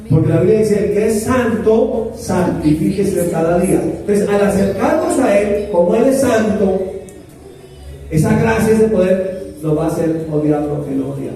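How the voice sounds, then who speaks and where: High-voiced preacher in an echoey room. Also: male voice, warm tone. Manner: storytelling with dramatic rises and falls. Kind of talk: sermon. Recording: echoey room, mic at a distance.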